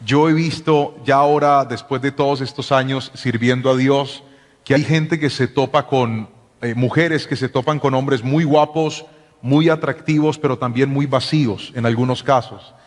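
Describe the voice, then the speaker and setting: A man, a pastor, telling his own story and giving counsel in an animated way, with stammered repeats. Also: mid-range voice, normal speed. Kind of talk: personal testimony and counsel. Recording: long hall-like reverb.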